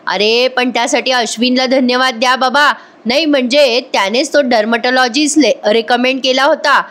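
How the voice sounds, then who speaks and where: A woman's voice: sits high, fairly even intonation, a bit bright. Woman reading a cheerful family man. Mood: fond. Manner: plain read-aloud dialogue, slightly slowed. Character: middle-aged family man, cheerful and fond.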